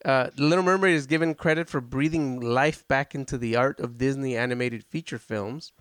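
A male podcast host chats casually and eagerly about classic films, rambling and breaking into his own thoughts. He talks briskly in a medium, slightly bright voice, and the recording is dry.

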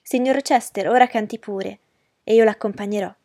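A woman's voice: mid-range voice, normal speed, dark tone, no room sound, studio quality, close to an everyday voice. A woman reading aloud and voicing a proud, mocking young noblewoman who talks in a commanding, scornful way. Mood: haughty. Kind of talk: audiobook character reading.

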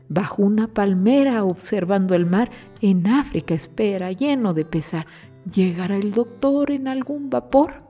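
A woman's voice: mid-range voice, warm tone. A woman reciting a rhyming children's story poem in a sing-song storybook manner.

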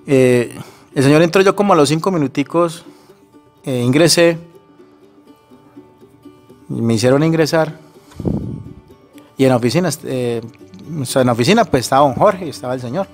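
A man's voice: mid-range voice, moderate pace, long pauses, faint music behind. A man with a Colombian accent telling a personal story in casual speech, acting out the dialogue and calling the listener brother, his voice slightly shaky with emotion. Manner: conversational, acts out quoted dialogue, says brother often.

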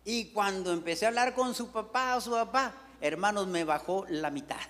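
High-voiced guy pastor preaching hard, voice jumps all over, big hall echo. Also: normal speed, fairly bright tone. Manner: fervent preaching, frequent "hermanos", big pitch swings. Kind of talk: sermon. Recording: long reverb of a hall.

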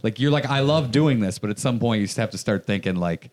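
A man's voice: fairly low pitch, expressive, fast, darkish tone. A man from Indiana, a stand-up comic, rambling through a casual podcast chat with lots of fillers and swearing. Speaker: comedian podcast guest.

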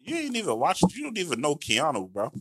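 A man's voice: fairly high pitch, wildly swooping pitch, fairly quick, fairly bright tone, husky, dry recording, studio quality. A man co-hosting a movie review show, chiming in with short, laid-back remarks. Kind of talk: casual banter.

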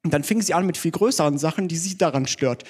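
A man's voice: fairly high pitch, fast talker, darkish tone, slightly rough. A man preaching a sermon in church, conversational and self-deprecating, mixing teaching with personal stories.

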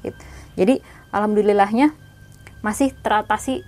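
A young woman casually telling a spooky story in slangy talk, sometimes hushed, sometimes animated. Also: mid-range voice, moderate pace, soft background music.

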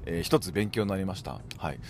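Low-pitched, animated, and fast-talking, this man hosts a relaxed solo podcast in a Hokkaido accent. His chatter is dotted with short "hai" affirmations, over some background noise.

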